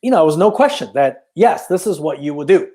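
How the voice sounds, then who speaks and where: On a casual podcast, a Chinese filmmaker who speaks Chinese natively reflects on his life, hesitating and restarting frequently. His voice runs on the high side, expressive, a bit fast and mellow.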